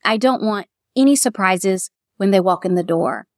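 A woman's voice: medium pitch, normal speed, no echo, clean studio sound. Chatty middle-aged Kentucky woman, heartfelt. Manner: chatty, heartfelt, quotes others in lively voices. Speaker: bridal shop owner and dress designer. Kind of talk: casual interview.

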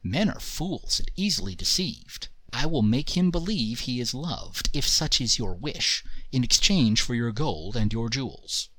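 A man's voice: medium pitch, sing-song, measured pace, hardly any pauses, fairly bright tone, no room sound. A man voicing a greedy, scheming young woman with a scornful, calculating manner.

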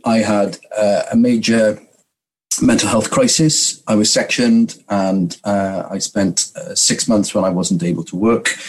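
A man's voice: lowish voice, rough recording. A middle-aged man speaking openly and personally as he leads a discussion. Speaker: music college director leading a discussion.

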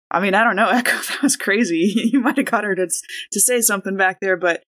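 A woman with a mid-range, slightly bright voice talks a little fast as a player on a tabletop roleplaying podcast. She improvises casual in-game chatter in a chatty, rambling way.

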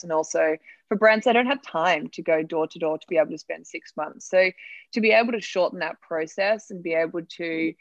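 A woman's voice: on the low side, vocal fry, dry recording, muffled recording. A woman from Australia, a startup founder, talking candidly in a podcast interview with many fillers.

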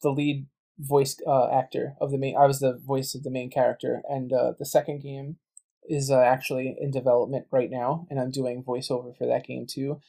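A man's voice: mid-range voice, flat delivery, normal speed, vocal fry, dark tone. A man guesting on a podcast, chatting casually and telling stories full of quoted back-and-forth. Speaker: guest, game writer and voice actor.

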